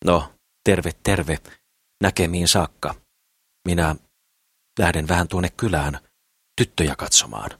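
Creaky-voiced idealistic dwarf, lecturing and earnest, read by a man. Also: low voice, pauses often, a bit bright, no room sound, clean studio sound, full character voice. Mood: gruff. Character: crippled dwarf craftsman, idealistic and preachy.

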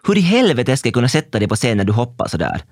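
A man's voice: mid-range voice, very animated, dry recording. Stern male ballet teacher, as a narrator quotes him, harsh and scolding, close dry sound.

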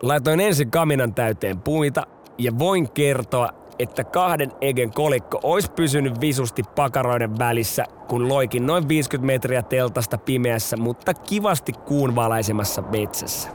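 A man's voice: mid-range voice, a little hiss or hum. A man hosting a storytelling podcast, narrating in a casual, slangy way.

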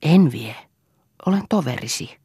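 A woman's voice: deep voice, animated, warm tone, breathy edge, dry recording, studio quality, full character voice. A woman voicing a firm, cool-headed wife in an audiobook, speaking earnestly and with a moralizing tone. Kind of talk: audiobook character reading.

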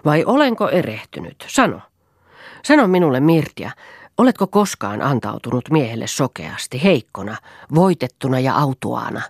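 A woman's voice: rumbling low, very animated, a little mellow, slightly rough, dry recording, studio quality, full character voice. A woman reading as an impassioned pleading man. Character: passionate man pleading with an old friend.

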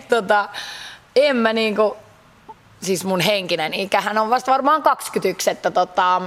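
Chatty Finnish-speaking woman athlete. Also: medium pitch. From Finland. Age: 30s. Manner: chatty, frequent fillers, laughs easily. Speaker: pole dance athlete. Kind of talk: interview answers.

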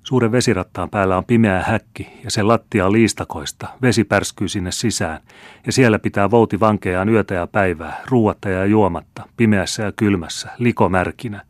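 A frantic peasant mother from an old storybook, as a man reads her part implores a nobleman for mercy. The voice is low but lifts and swells as she pleads. The recording is dry and close to the mic. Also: no echo, lightly acted. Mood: pleading. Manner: imploring, raised voice.

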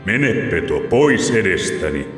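Booming echoing lynx god. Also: male voice, big pitch swings, a bit bright, faint music behind. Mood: solemn. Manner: solemn and pompous. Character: booming stern male lynx god in heaven. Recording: echoey with long reverb.

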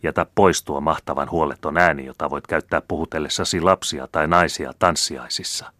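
A furious young nobleman, grim and insistent, holding his rage in check, as a male reader plays him. The tone is very low and the recording dry and close. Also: pushed and bright, dry recording. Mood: grim pleading.

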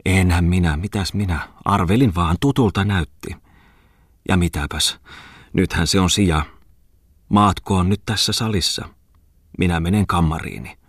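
A man's voice: low voice, slightly rough, dry recording, studio quality. A man voicing a garrulous old countrywoman, a miller's wife who rambles on in an old-fashioned storybook.

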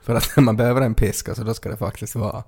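A man with a fairly low voice co-hosts a casual podcast. He jokes around and spins playful, absurd riffs, laughing easily between his lines. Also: steady tone, background noise. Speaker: podcast co-host.

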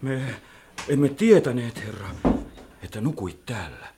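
A man's voice: medium pitch, very animated, echoey room, noisy background, lightly acted. A man playing a devoted young male robot in a radio play, earnest and pleading. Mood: tense.

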